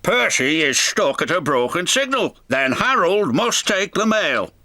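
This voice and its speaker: A man's voice: high voice, sing-song, unhurried, pushed and bright, voice pushed up, exaggerated voice. A man doing a firm, stout railway boss. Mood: decisive. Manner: firm, decisive. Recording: music behind the voice. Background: music.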